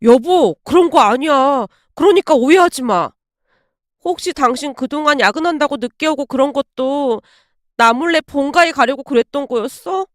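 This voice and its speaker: A woman's voice: high-pitched, lively intonation, normal speed, dry recording, clean studio sound. A woman doing a fidgety husband caught in a lie. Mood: defensive. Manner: defensive, pleading.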